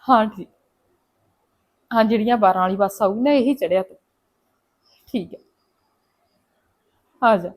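A woman's voice: medium pitch, measured pace, long pauses, close to an everyday voice. An actress playing a married daughter coaxing her mother to visit, on the phone.

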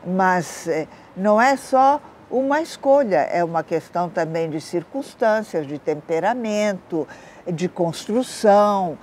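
An older woman, an author born in Africa to an Italian family, giving lively and thoughtful interview answers outdoors in a garden. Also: fairly low pitch, a little slow, a little hiss or hum. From born in Africa, of Italian culture, living in Brazil. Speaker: guest, writer.

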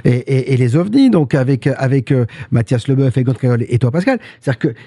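A man's voice: mid-range voice, expressive, fairly quick, warm tone, no echo, studio quality. A man hosting a casual talk-radio show, speaking animatedly and restarting his sentences often as he puts questions to his co-host.

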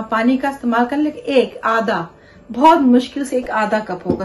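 A woman in her thirties hosts a home cooking show from her own kitchen. She talks step by step in a fairly high, friendly-sounding chat as she works. Clear background music runs under her voice. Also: a little mellow. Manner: chatty, walks viewers through each step. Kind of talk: casual cooking demonstration.

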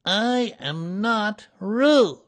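A storybook reader voicing a small, anxious male piglet, squeaky and jerky, trying to sound brave and indignant. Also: animated, extremely slow.

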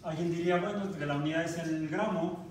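Mexican teacher in an echoey classroom. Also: male voice, on the high side, brisk. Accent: Mexican Spanish. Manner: asks the class questions, restarts words. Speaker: university math teacher. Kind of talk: classroom lecture. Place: university classroom. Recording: very echoey classroom recorded from far off, noisy.

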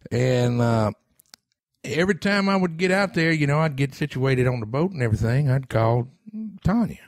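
Male podcast host, lively rambling storyteller, loose and profane, dry close room. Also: mid-range voice, normal speed, no room sound. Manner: rambling, swears freely, restarts a lot. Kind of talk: casual storytelling chat.

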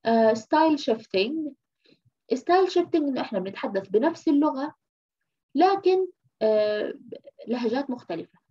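A woman's voice: sits high, expressive, moderate pace, long pauses, mellow, husky. A woman from Egypt giving a university lecture, explaining patiently, repeating key terms and checking in with "okay?". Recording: muffled lo-fi lecture recording.

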